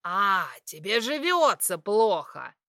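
A woman's voice: medium pitch, very animated, no echo, studio quality, heavily acted. A woman doing a cruel scornful mother. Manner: shouting, scornful, slow and heavy.

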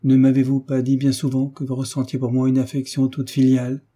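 A man reading the part of a kind, fatherly hunchbacked nobleman in a gentle, coaxing way. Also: mid-range voice, monotone, brisk, pitched above the performer's own voice, close to an everyday voice. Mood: coaxing, tender.

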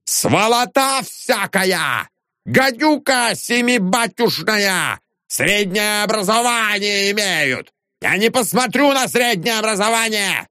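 A man's voice: high-pitched, animated, slow pace, bright, forceful tone, no room sound, clean studio sound, pitched above the performer's own voice, heavily acted. A man shrieking as a furious brawling janitor. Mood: raging. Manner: shrieking curses.

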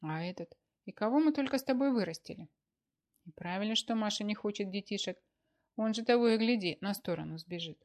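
A woman voicing a stern, bossy older wife who scolds with a sharp tongue in a read-aloud story. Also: medium pitch, animated, brisk, lightly acted. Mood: scolding.

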